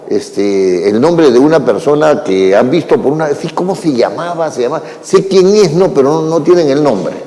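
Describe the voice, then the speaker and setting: A male lecturer addresses a class in an unhurried, explanatory manner, checking in with his listeners as he goes. His voice is dark and mellow, and a long reverb trails each phrase as if the room were a large hall. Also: on the high side. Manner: unhurried, explanatory, with frequent "¿no?" tags and fillers.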